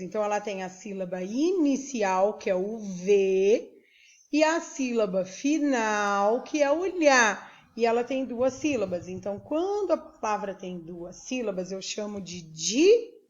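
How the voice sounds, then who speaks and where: A woman's voice: medium pitch, expressive, highs cut off. A woman from Brazil teaching a recorded school lesson, spelling out words syllable by syllable and asking her pupils questions to check they follow. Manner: slow, spells out syllables one by one.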